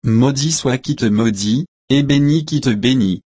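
A man reading the lines of an elderly blind father who blesses his son, slow and solemn. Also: medium pitch, darkish tone, slightly rough, no echo.

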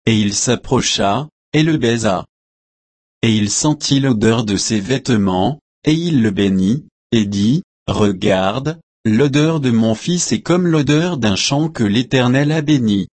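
Man voicing blind elderly father; slow, husky, dry, solemn. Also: medium pitch, animated, darkish tone, dry recording. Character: elderly blind father blessing his son.

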